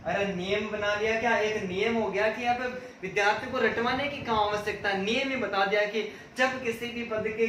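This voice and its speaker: A high-pitched male teacher drills exam points, asking questions aloud and answering them himself. He sounds set back from the mic in a strongly echoing room, with a faint hiss of ambience behind him. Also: fairly bright tone. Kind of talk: exam-prep lecture. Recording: echoey room, voice from far off.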